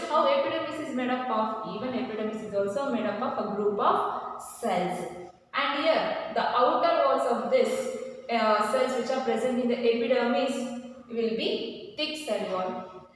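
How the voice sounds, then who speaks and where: A woman teaching biology, repeating key phrases and using many fillers. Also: high-pitched. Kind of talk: classroom-style lesson. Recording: echoey room, far from the mic, faint noise.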